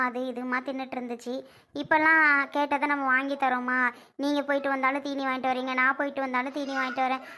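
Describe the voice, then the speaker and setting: A woman's voice: sits high, bright, forceful tone. A woman in a family drama skit, talking in a defensive, chatty way. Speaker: skit actress.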